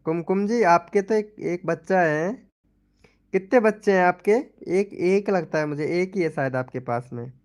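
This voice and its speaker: A young man hosts a casual live stream, reading out viewer comments and teasing people by name. His voice sits a little high and comes through smooth and clear. He talks in a loose, repetitive way, going back over the same phrases. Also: normal speed, a little mellow. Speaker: live stream host promoting channels.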